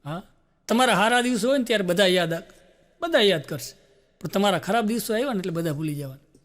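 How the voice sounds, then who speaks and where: A middle-aged man doing stand-up comedy, telling jokes and reciting verses to an audience he calls sir. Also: high-pitched. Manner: animated storyteller, addresses audience as "saheb", recites couplets slowly.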